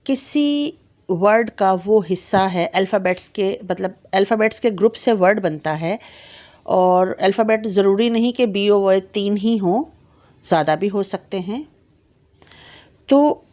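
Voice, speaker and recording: A woman teacher speaks at an unhurried pace, her voice neither high nor low. She patiently explains grammar in an online lesson, breaking words into sounds and often checking that her listeners understand. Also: darkish tone. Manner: slow, patient explaining, spelling words out letter by letter.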